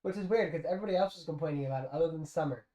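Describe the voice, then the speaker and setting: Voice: medium pitch, rapid-fire, mellow. A player in casual chat at a tabletop game, playful and given to theatrical outbursts. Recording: echoey room.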